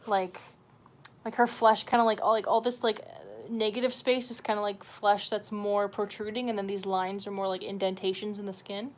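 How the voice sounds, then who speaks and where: Speaking at medium pitch with a level tone and moderate pace, this livestream host draws and chats loosely. She swears a lot and has a self-deprecating streak. Room ambience and background noise are clearly audible.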